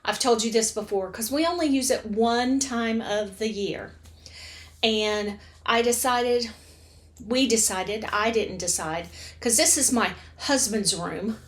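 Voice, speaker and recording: A woman's voice: on the high side, slow pace. A middle-aged woman chatting casually to camera from her home reading room, rambling and correcting herself as she goes. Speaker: book vlogger.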